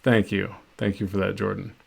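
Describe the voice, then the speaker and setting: Gravelly, rambling middle-aged man. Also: lowish voice, little pitch movement, normal speed, a little mellow. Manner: rambling, self-deprecating, many restarts. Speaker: artist live-streaming a digital painting. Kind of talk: casual rambling live-stream chat. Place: home studio.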